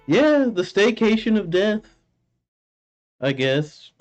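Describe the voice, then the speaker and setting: A casual reaction host with a slow pace and very lively pitch. The delivery is musing, exclamatory and giggly, recorded a bit dull with faint music behind.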